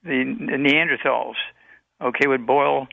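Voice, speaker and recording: Man, 80s, radio health expert, rambling, gravelly, tinny phone-line sound. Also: medium pitch, steady tone, no echo. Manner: rambling, halting with many fillers. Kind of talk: call-in radio advice.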